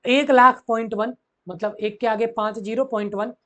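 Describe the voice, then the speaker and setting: High-voiced male physics teacher lecturing. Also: steady tone, normal speed, bright, forceful tone. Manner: repeats key phrases, asks questions to the class. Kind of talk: classroom lecture mixing Hindi and English.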